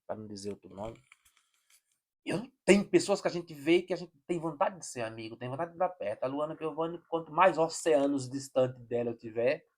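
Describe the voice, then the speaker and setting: A man hosts a reaction video, pausing a clip to make sarcastic remarks. He also reads passages from an article aloud. His voice sits at an ordinary middle pitch. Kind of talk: reaction commentary.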